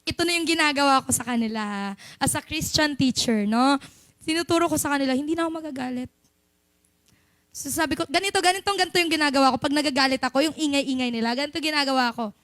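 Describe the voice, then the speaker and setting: A woman's voice: high voice, quick pace, fairly bright tone, no room sound. A young Filipino woman giving a chatty, playful sermon in church, mixing in English. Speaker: church speaker.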